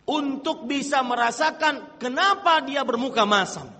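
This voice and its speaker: A male preacher giving an impassioned sermon, swinging between loud and soft and chanting quoted Arabic lines. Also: very high-pitched, a little slow. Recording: long hall reverb.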